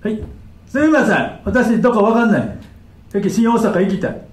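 A man putting on a foreign man who asks for directions in loud, halting, broken phrases. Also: high voice, close to an everyday voice. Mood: pleading. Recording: echoey hall, distant mic.

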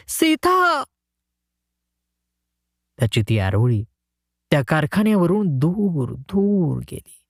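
Slow solemn story narrator. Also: medium pitch, darkish tone, no echo, studio quality. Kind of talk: literary short story reading.

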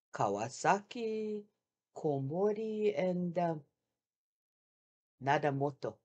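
An older woman on a video call, reading a first-person wartime memoir aloud in a measured, heartfelt way with long pauses. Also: sits low, warm tone. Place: home room with shoji screens. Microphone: video call webcam.

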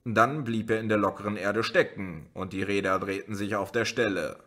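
A man narrates a novel as an audiobook in a steady, even delivery. His voice sits on the low side but carries a bright, forceful edge. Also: moderate pace. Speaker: audiobook reader.

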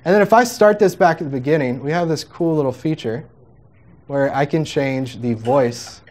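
A man leads a live workshop on music software, talking in an upbeat, jokey way. He explains each step casually and acts out little quoted exchanges to make his point. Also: a little high, normal speed. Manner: upbeat, jokey, chatty teaching with quoted asides.

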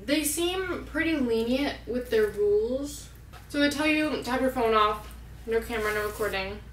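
A woman's voice: fairly high pitch, expressive, moderate pace. A young woman vlogger chatting casually and teasing her friend with jokes. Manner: joking, teasing. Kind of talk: casual chat. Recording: echoey room, mic far off, noisy.

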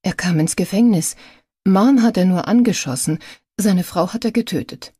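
A woman's voice: medium pitch, moderate pace, warm tone, slightly rough, dry recording, studio quality, lightly acted. A woman reading an audiobook, voicing a grieving adult daughter who speaks in an earnest, strained way.

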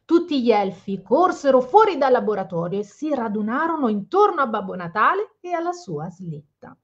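A woman reading a children's picture book aloud and gently explaining the story to children. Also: fairly high pitch, very animated, moderate pace. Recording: slightly dull lo-fi sound.

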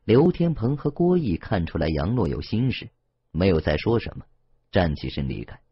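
一名男性有声小说演播者，用讲故事的方式朗读网络小说，录音音质发闷。. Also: male voice, sits low, moderate pace, slightly rough, no room sound, dull audio. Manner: steady, expressive storytelling. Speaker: audiobook narrator. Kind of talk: scripted audiobook narration.

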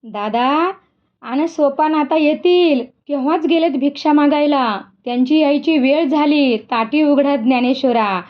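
A woman voicing a gentle, wise young girl saint who coaxes earnestly, in a dull lo-fi recording. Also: high voice, a little slow. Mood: coaxing. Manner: coaxing, earnest.

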